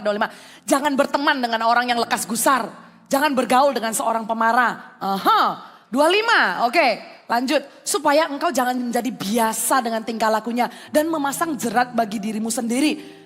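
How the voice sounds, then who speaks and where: A woman pastor giving a lively youth sermon, mixing English phrases into her talk. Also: high voice.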